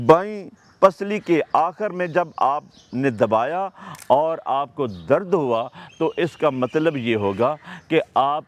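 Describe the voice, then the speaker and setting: A man with a Pakistani Urdu accent, explaining home remedies for pain to viewers in an instructive way. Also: on the high side. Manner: lively, instructive, self-correcting. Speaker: health advice presenter.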